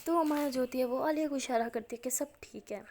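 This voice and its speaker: A woman's voice: sits high, a little mellow, a little hiss or hum. A woman retelling a love story in a casual, chatty way, correcting herself as she goes.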